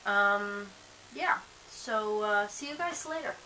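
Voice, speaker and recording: With a mid-range voice, lively intonation and slow pace, a young Swedish-born woman vlogs casually to camera. She rambles, a little sleepy, with plenty of fillers and restarts. A faint hiss sits in the recording.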